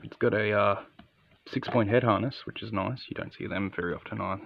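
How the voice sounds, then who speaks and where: Gravelly, understated male reviewer. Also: on the low side, brisk, muffled recording, a little hiss or hum. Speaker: product reviewer. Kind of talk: casual, unscripted hands-on review.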